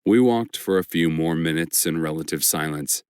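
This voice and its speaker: A man narrating an audiobook in a measured first-person storytelling voice. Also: rumbling low, darkish tone, smooth, dry recording, clean studio sound.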